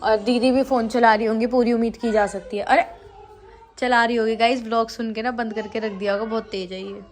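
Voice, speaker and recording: A woman's voice: on the high side, fairly even intonation, brisk. A young woman vlogging casually, chatty and playfully complaining. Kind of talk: casual vlog chat.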